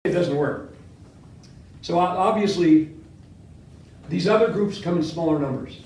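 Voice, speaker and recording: A history professor, an older man born in Latvia, gives an animated classroom lecture, posing questions to students and gesturing widely. His voice sits a little high and unhurried. A distant camera in the seminar room with a whiteboard records echoey sound with a little hiss or hum.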